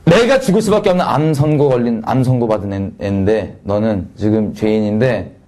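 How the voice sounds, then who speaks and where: A man preaching in a casual, conversational way, asking the audience many rhetorical questions and swinging his pitch up and down for emphasis. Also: a little fast, a little mellow. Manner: sudden swings between raised and dropped pitch for emphasis. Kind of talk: sermon.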